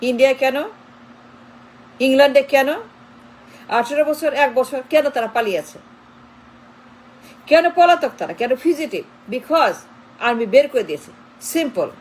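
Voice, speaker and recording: Emphatic high-voiced woman commentator. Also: moderate pace, pauses often, a little hiss or hum, low-quality recording. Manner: emphatic and insistent, piling up repeated rhetorical questions. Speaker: political commentator. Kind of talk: political commentary monologue.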